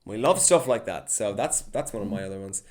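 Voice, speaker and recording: A young man hosting his own podcast in a casual solo chat, lively and chatty, slipping into quick mock voices. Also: on the low side. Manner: chatty, animated, drops into mock impressions. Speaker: podcast host.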